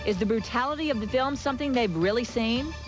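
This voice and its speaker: A woman presenting entertainment news in a brisk, upbeat scripted style. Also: on the high side, low-quality recording. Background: music.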